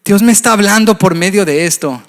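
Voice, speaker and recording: A man's voice: high-pitched, a little fast. A man, a pastor, preaching a sermon with an impassioned, rhythmic, chanting cadence. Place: church sanctuary. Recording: long reverb of a church hall.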